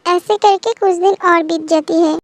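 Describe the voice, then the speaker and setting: A woman's voice: extremely high pitch, fairly even intonation, moderate pace, no echo. A woman narrating a fan-made story in a plain, matter-of-fact way. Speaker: narrator of a fan dubbing channel. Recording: dry close mic with faint background music.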